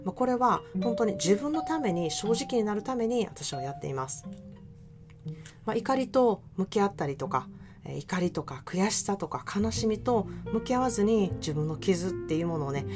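A woman with a Kansai Japanese accent hosting a solo self-care podcast, talking softly and reflectively with many fillers. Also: medium pitch, expressive, a little fast, over music. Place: California.

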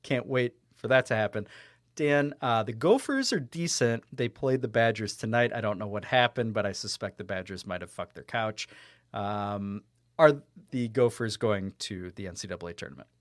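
A man's voice: on the low side, animated, normal speed, no room sound, studio quality. A man co-hosting a sports podcast in casual, chatty talk, laughing easily. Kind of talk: casual sports betting chat.

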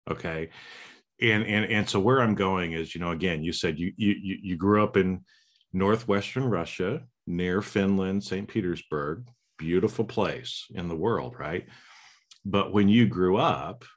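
A middle-aged podcast host from the United States speaks in a low voice at a measured pace. He rambles loosely through a casual interview chat, restarting often and tacking "right?" onto his lines.

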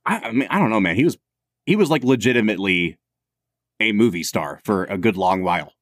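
Man, podcast co-host, opinionated, lively pitch, dry close sound. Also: a little fast, no room sound. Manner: animated, opinionated, laughs often. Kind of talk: casual chat about film.

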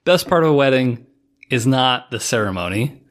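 A man's voice: mid-range voice, lively intonation, moderate pace. A man in his thirties hosting a show, casually chatting and recapping clips. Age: 30s. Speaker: podcast host.

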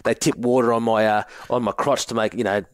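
An Australian man in his forties, a former rugby forward now working as a co-host, spins jokey yarns in casual conversation and keeps calling people mate. His mid-range voice is steady and brisk.

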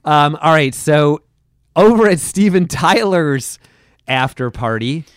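A man's voice: fairly high pitch, expressive, takes it slowly, smooth, no echo. Male podcast co-host, jokey gossip delivery, dry close sound. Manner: playful, jokey, reads gossip items. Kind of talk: casual celebrity gossip chat.

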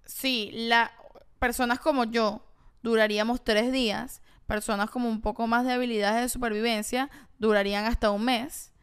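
A young woman co-hosts a casual podcast, teasing her partner with quick playful quips. Her voice is smooth and clear, a touch high. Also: fairly even intonation. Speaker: podcast co-host. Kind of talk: casual chat.

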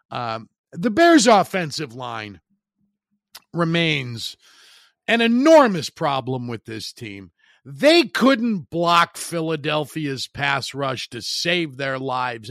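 A man's voice: on the high side, fairly bright tone, no echo, studio quality. A middle-aged man giving blunt, opinionated sports commentary, stressing points by repeating words.

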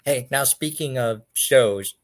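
A man's voice: mid-range voice, slow pace, no echo. A man hosting an interview, asking questions in an upbeat, encouraging way. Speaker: interview host. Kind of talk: casual interview chat.

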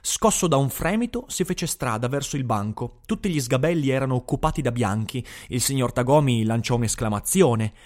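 A man giving a measured, expressive reading of a novel as audiobook narration. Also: mid-range voice.

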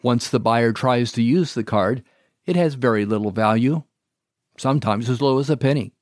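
Guy reading a script, measured, a bit wry, dead dry sound. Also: mid-range voice, dry recording. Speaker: host. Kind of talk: scripted narration.

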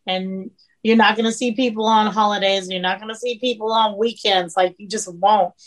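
A woman's voice: mid-range voice, fairly even intonation, normal speed, low-quality recording. A woman chef, a guest on a casual chat, talking frankly and swearing casually.

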